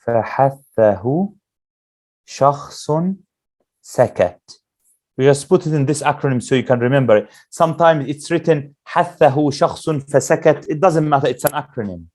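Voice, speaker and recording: A man's voice: on the high side, darkish tone. Man teaching letter sounds to a class. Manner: drills letter sounds slowly, asks the class questions. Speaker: Quran teacher.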